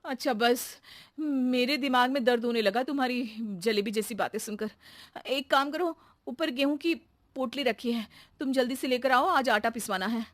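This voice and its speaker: A woman's voice: a little high, moderate pace, fairly bright tone, no room sound, studio quality, close to an everyday voice. A woman voicing a practical housewife in a comedy cartoon, bantering expressively with those around her. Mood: irritated. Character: practical housewife, amused yet easily irked employer. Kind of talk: Hindi cartoon comedy acting.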